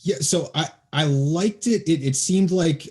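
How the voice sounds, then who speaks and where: A man's voice: on the high side, a little slow, a little mellow, husky. A young man hosting a casual football podcast from home, chatty and joking, on a podcast microphone. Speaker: podcast host. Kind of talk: casual sports podcast chat. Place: home, near Baltimore.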